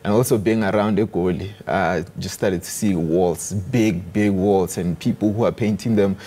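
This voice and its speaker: A man's voice: low-pitched, normal speed, warm tone, slightly rough. A man from South Africa with a South African accent, chatting casually as an artist guest in a studio interview. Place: television studio.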